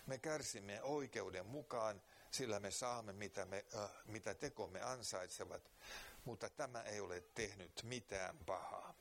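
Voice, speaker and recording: A man preaching, reading scripture aloud slowly and earnestly, then praying, with occasional fillers. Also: lowish voice, a bit bright, a little hiss or hum. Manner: slow, earnest Bible reading with pauses and fillers.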